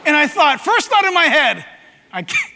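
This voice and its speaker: A man preaching a sermon as pastor to a church, animated and acting out voices as he goes. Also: very high-pitched, moderate pace, some chatter behind, slight background noise. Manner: animated, acts out voices and quotes. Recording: hall with long reverb.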